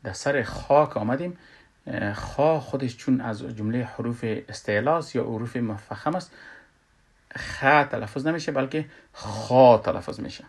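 A man with an Afghan Dari accent teaching a Quran recitation lesson, pausing often with filler sounds and loudly sounding out letters and vowels. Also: mid-range voice, husky. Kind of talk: tajweed lesson.

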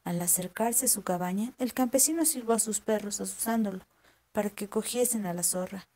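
A woman narrating a children's folk tale with clear, measured storytelling. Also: mid-range voice, mellow.

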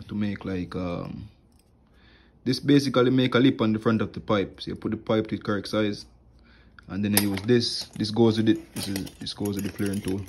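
Filming his hands with a phone held close, a young HVAC tech walks through his tool bag indoors on a wooden floor, describing each tool plainly and casually with filler words. He has a fairly low, darkish voice, and there's slight background noise.

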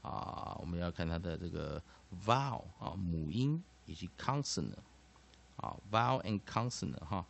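A low-pitched man works through an English pronunciation lesson. His voice is gravelly and his pitch swings widely. He scatters filler particles through every sentence and repeats each point. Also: expressive, moderate pace, a bit bright. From Taiwan. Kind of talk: explanatory lesson.

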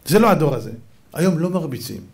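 A man's voice: on the high side, very animated. A man rabbi giving a Torah lesson sermon, emphatic and full of rhetorical questions, sometimes raising his voice. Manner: acts out quoted voices.

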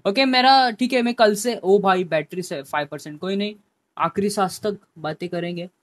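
A young man with a fairly high voice, talking casually into a headphone mic on his game stream. He chats with viewers by name and sometimes pleads with them. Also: moderate pace. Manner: chatty, talks to chat viewers by name, pleading at times. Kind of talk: casual live-stream chat.

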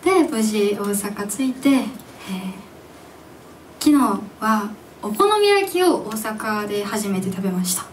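A young woman in her twenties, a singer chatting with her audience at her own live show, animated and giggly as she tells stories. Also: mid-range voice, slow. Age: 20s. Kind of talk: casual stage MC chat with the audience. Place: live music venue stage. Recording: distant mic in a live club, faint background noise.

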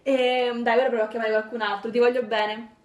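A woman's voice: a little high, flat delivery, a little fast, muffled recording. A teenage girl from Italy making giggly, teasing phone calls to her fans for a vlog, chatting casually.

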